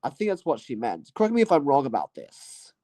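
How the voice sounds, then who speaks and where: This host's mid-range, dark-toned voice swoops wildly in pitch and moves fairly quickly as he goes over his year and reviews movies on his channel. He's rambling and hesitant, hedging a lot and trailing off, with many "you know"s and "I guess"es.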